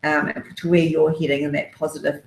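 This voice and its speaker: A woman's voice: low-pitched, little pitch movement, brisk, vocal fry, slight background noise. A woman, an author giving upbeat, encouraging self-help advice with many fillers. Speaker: author and guest. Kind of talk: motivational self-help talk. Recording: roomy echo.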